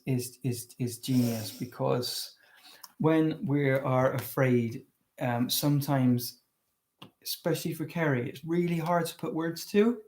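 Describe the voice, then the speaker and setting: A man's voice: mid-range voice, a little mellow. Earnest man coaching couples. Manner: earnest, conversational, many restarts. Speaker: co-host. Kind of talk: casual teaching chat.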